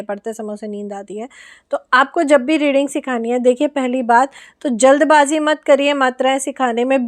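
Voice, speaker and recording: A woman's voice: sits high, darkish tone. An Indian woman teaching an online lesson for parents, explaining step by step and stretching out example words.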